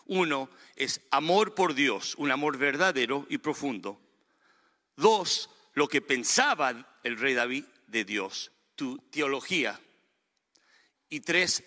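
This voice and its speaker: A man's voice: mid-range voice, pushed and bright. A man preaching a sermon as pastor, earnest and emphatic, his delivery swelling and falling back. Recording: long reverb of a large hall.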